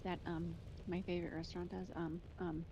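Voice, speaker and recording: A woman talking gently and hesitantly in casual home chat, offering food to the others. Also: on the low side, level tone, brisk, highs cut off, a little hiss or hum. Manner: gentle, hesitant, soft-spoken.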